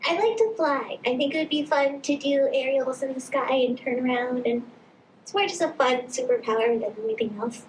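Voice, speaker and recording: High-voiced woman speaking on a panel. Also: steady tone, normal speed, slight background noise. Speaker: marketing panelist. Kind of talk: conference panel talk. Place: conference stage. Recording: echoey conference hall.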